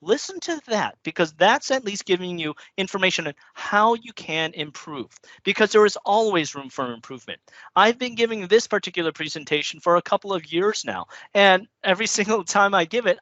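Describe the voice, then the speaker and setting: A man with a fairly high voice speaks in an upbeat, chatty way, as if giving a talk to a room of peers and often asking "right?". The sound is dull and lo-fi, and very dry. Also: a bit bright, no room sound. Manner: conversational, upbeat, frequent "right?" and "you know". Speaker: conference speaker. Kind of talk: recorded conference talk on presenting.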